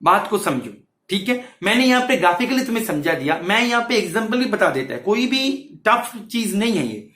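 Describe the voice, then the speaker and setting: A man's voice: high-pitched, very animated, brisk, bright, forceful tone. A man teaching maths for an exam, who keeps checking in with his students and repeats his phrases as he explains. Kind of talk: exam-prep lecture. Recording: roomy, echoey sound.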